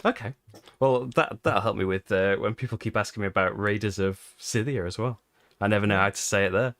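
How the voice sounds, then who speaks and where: Hosting a live board game playthrough, a British man chats casually on stream and often laughs at himself. He speaks a little fast in a fairly low, fairly bright voice, captured in a dry, studio-quality recording.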